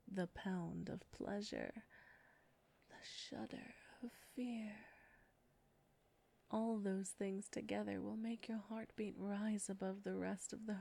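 A woman voicing a seductive, predatory female succubus in an audio roleplay, speaking in a breathy whisper with a slow, taunting manner. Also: mid-range voice, warm tone, heavily acted. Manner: slow, taunting, close to the ear.

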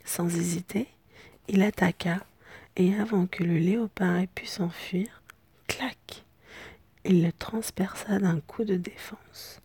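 A woman with a hoarse, cracking voice telling bedtime stories in a soft, unhurried ASMR whisper. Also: on the low side, fairly even intonation, dry recording. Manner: soft, unhurried, gentle pauses. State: voice broken. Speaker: storyteller.

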